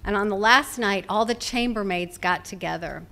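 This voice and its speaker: A woman delivers a prepared speech at an awards event, spinning a personal family story in a measured, earnest way. She slips in light, self-deprecating jokes while keeping her tone at an everyday middle pitch. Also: pushed and bright. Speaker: keynote speaker at an awards event.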